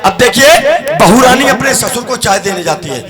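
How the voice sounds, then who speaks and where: High-voiced man rousing a devotional crowd. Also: expressive, normal speed. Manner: playful, crowd-rousing, calls for applause and chants. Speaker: devotional night-vigil singer and stage compere. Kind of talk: comic stage storytelling between hymns. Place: outdoor village religious gathering stage. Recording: loud live band music behind.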